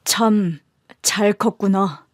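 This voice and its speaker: A woman voicing a calm, powerful middle-aged man, a company boss, in a radio drama, speaking slowly and measured. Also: medium pitch, no room sound, studio quality.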